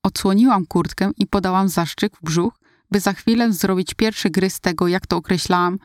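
A woman narrating a first-person story in a calm, confiding way. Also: mid-range voice, moderate pace, dry recording, studio quality. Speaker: audiobook narrator.

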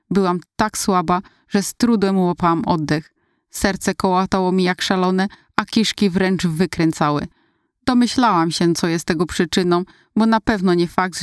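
A woman narrating a first-person story in a calm, confiding way. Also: on the low side, smooth, no room sound, studio quality. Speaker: audiobook narrator.

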